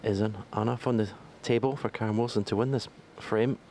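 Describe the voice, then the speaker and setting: Low-voiced man analysing live snooker. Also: steady tone, fairly quick, gravelly, a little mellow. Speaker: snooker commentator, pundit. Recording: faint background noise.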